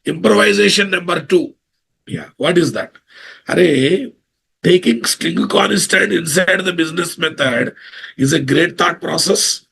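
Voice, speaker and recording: A man's voice: high voice, measured pace, gravelly, fairly bright tone, husky. A man with a Telugu Indian English accent teaching an informal live online class as an instructor, repeating phrases and checking understanding with questions. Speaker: software instructor.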